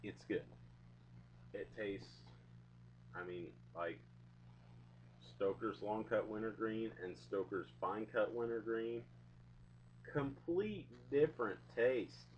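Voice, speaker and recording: A man's voice: on the low side, takes it slowly, long pauses. A young man chatting casually and slangily to camera in a rambling, laid-back way, recorded on a webcam mic in a small room at home. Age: young adult. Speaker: video blogger reviewing products. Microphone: webcam or laptop mic at arm's length. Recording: dull webcam sound with hum.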